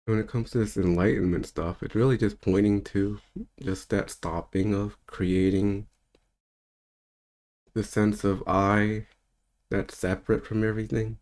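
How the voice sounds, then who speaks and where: Speaking unhurriedly in a steady, darkish voice on the low side, this thirtysomething spiritual teacher wanders casually through an unscripted monologue, with easy laughter along the way.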